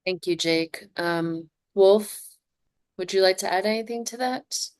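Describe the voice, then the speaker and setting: A woman moderating an online panel discussion, polite and pausing with "um" as she hands questions to the panelists. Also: mid-range voice, clean tone. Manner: polite, pauses with "um".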